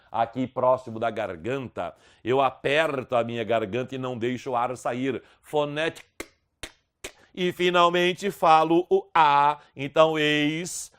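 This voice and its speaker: A Brazilian man teaching an online lesson, slowly spelling out speech sounds with careful, exaggerated articulation. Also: medium pitch, clear, resonant tone. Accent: Brazilian Portuguese. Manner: slow, over-articulated demonstration of sounds. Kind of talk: video lesson promoting a course.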